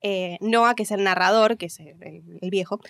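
A young woman, calmly explaining things in a casual chat among friends. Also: mid-range voice, moderate pace, gravelly, no echo, clean studio sound.

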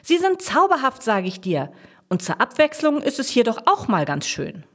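A woman voicing an excited young girl in a children's storybook, gushing and bubbly. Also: mid-range voice, moderate pace, slightly rough. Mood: delighted.

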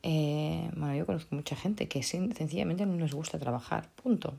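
A woman giving a motivational talk off the cuff, stumbling over words and restarting often. Her voice is husky and mellow, with a gravelly edge. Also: sits low, normal speed. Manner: hesitant, with many restarts and tag questions. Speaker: motivational speaker.

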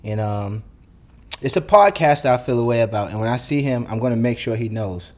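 A man's voice: medium pitch, animated, brisk. Blunt New man ranting. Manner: profane, blunt, heated ranting. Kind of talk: solo podcast monologue.

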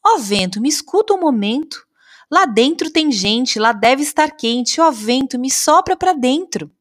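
Woman reader doing a pleading, cold little snowman, pitched up, storybook style. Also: animated, unhurried.

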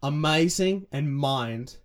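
A man's voice: a little high, expressive, slow pace. A young man breaking down vocal diction. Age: young adult. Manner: explains pronunciation by demonstrating sounds. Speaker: music analysis co-host. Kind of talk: casual analytical chat.

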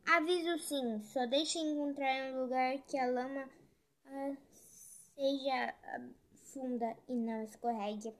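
A woman's voice: high voice, fairly even intonation, slow. A woman voicing a cheeky, clever male tortoise trickster in a storybook tale, sounding eager and sly.

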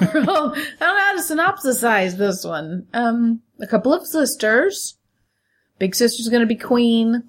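A woman co-hosting a podcast in casual, joking, blunt banter, with a stuffy nose from a head cold. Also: medium pitch. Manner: joking, blunt, swears freely. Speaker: podcast co-host. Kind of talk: casual banter and film chat.

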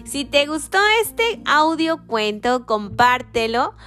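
A woman narrates a children's storybook at a slow, deliberate pace. Her pitch rises and falls in lively swings, and soft music sits quietly behind her voice. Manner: slow, expressive reading.

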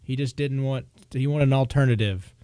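A man's voice: mid-range voice, moderate pace, warm tone, dry recording. Dry-voiced man hesitantly fact-checking. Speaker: podcast co-host. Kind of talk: casual chat.

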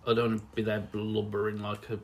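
A man co-hosting a podcast in casual chat, animated and quick to laugh. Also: fairly low pitch. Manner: animated, laughs a lot, mimics voices in quotes. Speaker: podcast co-host.

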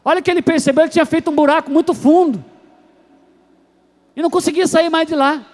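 A young man preaching a sermon from Brazil, telling stories and acting out voices, moving between soft and loud. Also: extremely high pitch, fairly even intonation, quick pace.

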